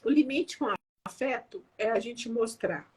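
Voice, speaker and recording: A woman's voice: on the high side, expressive, measured pace, a little mellow, slightly rough. A Brazilian woman in her thirties, a therapist, chatting animatedly and explaining parenting limits with everyday examples. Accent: Brazilian Portuguese. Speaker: emotional therapist guest. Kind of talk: casual conversation.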